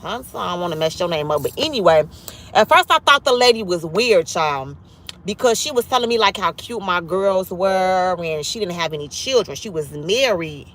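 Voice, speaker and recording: Her voice is fairly low yet a bit bright, expressive and moderately paced. A woman in her thirties with a Chicago accent livestreams from the car as she drives, reading viewer comments aloud and talking bluntly and profanely.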